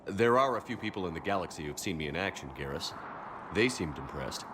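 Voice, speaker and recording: Commander Shepard, deep-voiced military hero. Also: male voice, lively intonation, fairly quick, noisy background. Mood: teasing, confident. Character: steady, confident male military commander, loyal and teasing. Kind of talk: video game voice acting.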